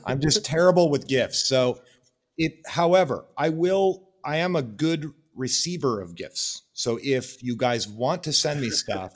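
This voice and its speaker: A man hosts a podcast in a relaxed, loose chat and laughs easily. His voice is mid-pitched and unremarkable. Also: unhurried. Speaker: podcast host. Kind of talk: casual chat.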